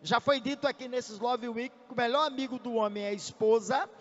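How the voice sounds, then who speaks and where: A man with a Brazilian Portuguese accent giving a measured church teaching talk on marriage, often checking in with his listeners. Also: extremely high pitch, a bit bright. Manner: measured, checks in with "tá?" tag questions. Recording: echoey hall, dull lo-fi sound.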